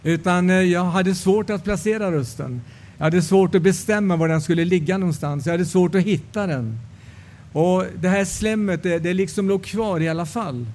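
A man's voice: sits high, darkish tone, slight background noise. A male preacher giving a sermon testimony, telling the story and acting out the dialogue.

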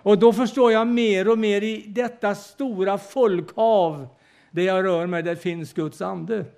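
A man's voice: high voice, fairly even intonation, vocal fry, a little mellow. An older man preaching a storytelling sermon, retelling conversations and often turning to the audience.

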